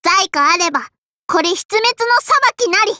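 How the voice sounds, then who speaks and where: A woman's voice: extremely high pitch, expressive, unhurried, bright, forceful tone, dry recording, studio quality, exaggerated voice. Beni-enma, a tiny lisping sparrow girl. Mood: fierce, commanding. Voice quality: childlike, lisping. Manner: polite and prim, with a cutesy verbal tic. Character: tiny sparrow girl innkeeper swordswoman, prim, strict, dutiful. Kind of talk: Japanese anime mobile game character voice lines.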